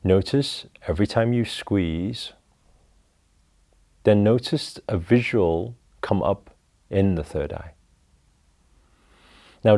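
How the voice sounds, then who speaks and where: A man leading a guided breathing meditation, talking slowly and calmly through each step. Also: lowish voice. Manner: slow, calm, instructive.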